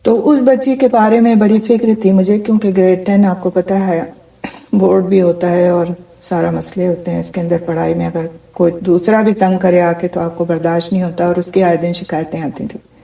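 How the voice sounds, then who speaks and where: A middle-aged woman gives an earnest Quran commentary lecture. Her voice is dark and mellow, with a gravelly edge. She sits a little back from the mic. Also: lowish voice, little pitch movement, distant mic, poor audio. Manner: earnest, storytelling teacher. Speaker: Quran teacher.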